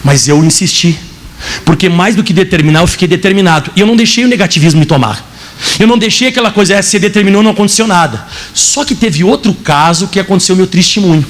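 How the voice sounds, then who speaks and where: A man preaches in a strikingly high voice, racing through his testimony. His pitch leaps up and down as he acts out each exchange, and he shouts at the peaks. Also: fast talker. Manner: animated storytelling, acting out dialogue. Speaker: pastor. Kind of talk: sermon with personal testimony.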